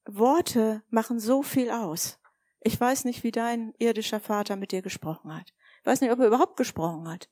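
A woman's voice: on the high side, normal speed, no echo, clean studio sound. A woman preaching a sermon, telling stories and asking her listeners direct questions. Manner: warm, storytelling, addresses listeners directly with questions.

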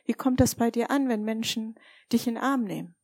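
A woman's voice: a little high, fairly quick, no room sound, clean studio sound. A woman preaching a sermon, telling stories and asking her listeners direct questions. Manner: warm, storytelling, addresses listeners directly with questions.

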